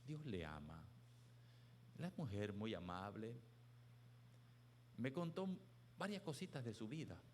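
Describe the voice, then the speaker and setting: A man preaching a sermon as pastor, telling stories with emphatic swings between hushed and loud delivery. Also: on the low side, very animated, takes it slowly, long pauses, slight background noise.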